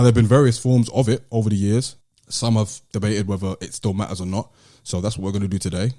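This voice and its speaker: A British podcast host talks casually in a low, very mellow voice, explaining things step by step in a conversational way. The recording is close and dry, with no room sound.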